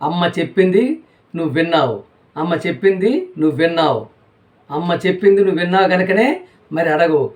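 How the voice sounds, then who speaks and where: A man's voice: fairly high pitch, animated, a little fast, long pauses, a little mellow. A man preaching a sermon, firing rhetorical questions at his listeners and repeating phrases over and over.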